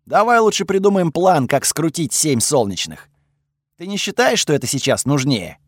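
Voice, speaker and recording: A man voicing a snarky, sharp-tongued male god spirit in an audiobook, curt and sarcastic, with a lively swinging pitch and a dry close sound. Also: normal speed, slightly rough, dry recording. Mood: irritated. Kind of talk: audiobook character voice.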